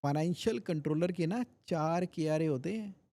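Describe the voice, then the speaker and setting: A man's voice: a little high, normal speed, dark tone. A man from India, a finance expert guest on a podcast interview, explaining things animatedly with homely examples and repetition.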